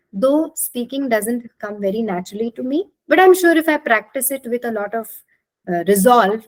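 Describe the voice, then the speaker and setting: Her pitch is fairly high and the audio quality is poor. An Indian clinical psychologist from Maharashtra, a native Marathi speaker, she leads an encouraging, conversational talk on an online video call and asks participants to respond.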